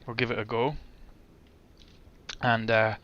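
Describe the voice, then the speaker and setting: Slow, chatty man at a flight sim. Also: medium pitch, level tone, highs cut off, slight background noise. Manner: chatty and unhurried, thinking aloud. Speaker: flight simulator streamer. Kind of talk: casual commentary while gaming.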